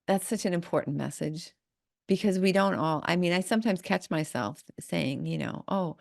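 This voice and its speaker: A woman's voice: on the low side, normal speed, vocal fry, darkish tone, no room sound, clean studio sound. A woman hosting a podcast, chatting casually and rambling with frequent restarts. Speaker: podcast host. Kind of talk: casual interview chat.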